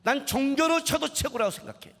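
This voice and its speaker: Male pastor, high lively voice, revival preaching, acts out dialogue, church hall reverb. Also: a little fast, vocal fry. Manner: animated, acts out quoted dialogue, sudden shouts. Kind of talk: revival sermon with storytelling. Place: large church sanctuary.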